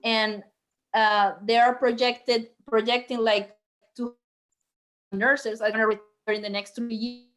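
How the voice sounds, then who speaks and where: A woman's voice: on the high side, level tone, measured pace, a bit bright. Woman guest on a video call, hesitant with fillers, audio cutting out on a poor connection. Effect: audio cutting out on a breaking video call connection. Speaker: guest speaker. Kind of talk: video call talk on health careers.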